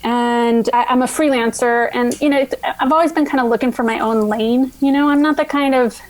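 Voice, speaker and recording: Speaking fairly quickly in a high, steady voice, a middle-aged American woman from Virginia answers interview questions casually as a podcast guest. The science writer is reflective and tends to begin sentences over, and the recording quality is low.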